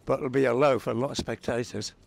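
A man's voice: mid-range voice, steady tone, fast talker, creaky, darkish tone. A man in his sixties giving his opinion in an outdoor street interview. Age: 60s. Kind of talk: street vox pop interview. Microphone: handheld interviewer's microphone. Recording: faint outdoor street ambience.

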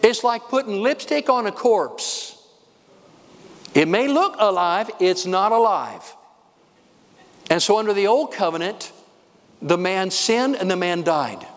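An older man, a pastor, preaching a sermon with fast, excited emphasis. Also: high-pitched, in a large hall.

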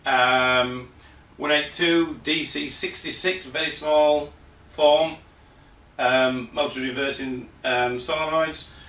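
A man's voice: on the high side, steady tone, takes it slowly, sharp tone. Man explaining, roomy distant sound. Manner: hesitant, many fillers and restarts, explaining patiently. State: slightly losing his voice. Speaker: presenter of a parts store video. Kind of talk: unscripted technical demonstration. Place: shop or workshop room.

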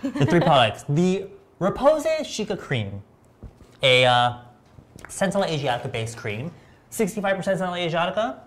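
A man's voice: high-pitched, very animated, moderate pace, a bit bright. A man in his thirties, a makeup artist hosting a beauty livestream, chatting and teasing casually in a studio. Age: 30s. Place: bright studio set.

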